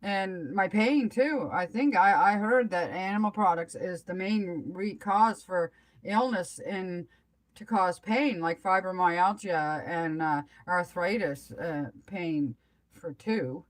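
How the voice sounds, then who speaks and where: The recording is rough as a middle-aged or older woman, her voice on the low side, rambles casually on a live stream, often trailing off partway through a thought.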